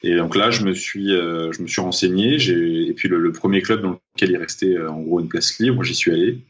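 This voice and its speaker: A man's voice: low-pitched, fairly quick, breathy edge, dull audio. A young man from Paris, a guest in a casual interview, talking hesitantly with many fillers and restarts. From Paris, France. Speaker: guest, freediving champion.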